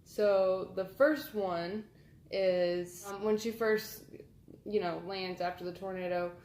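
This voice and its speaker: A woman's voice: medium pitch, steady tone, takes it slowly, a little mellow, a little hiss or hum. A woman, chatting casually for her vlog in a rambling, filler-heavy, amused way. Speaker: vlogger. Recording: roomy echo.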